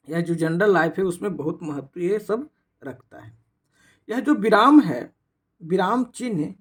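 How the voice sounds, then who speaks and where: Brief: slow, deliberate teacher voice with a husky edge, stopping to ask rhetorical questions while explaining. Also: medium pitch. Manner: explains step by step, often fills with rhetorical "what is it". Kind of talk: grammar lesson.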